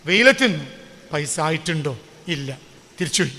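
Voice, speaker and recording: A man's voice: on the high side, big pitch swings, a little fast, pushed and bright, long reverb tail. A male preacher, giving a sermon. He puts questions to the listeners, repeats phrases for emphasis and recites Arabic lines. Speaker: Islamic preacher. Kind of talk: sermon with call-and-response questions.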